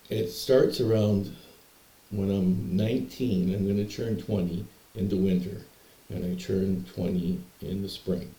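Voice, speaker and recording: In an echoey room, a young Canadian man with a deep, mellow voice tells a personal story to camera. A vlogger by habit, he meanders and hesitates, repeating words and restarting often.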